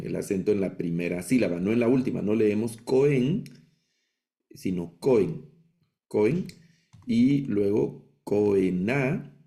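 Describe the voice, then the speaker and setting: A man teaching a live online class, patiently repeating words slowly for his learners. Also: lowish voice, gravelly, mellow. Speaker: biblical Hebrew teacher.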